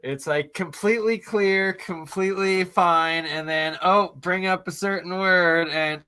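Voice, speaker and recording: A man's voice: sits high, steady tone, measured pace, pushed and bright, clean tone. A man co-hosting a casual livestream, welcoming guests and agreeing along. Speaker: livestream co-host.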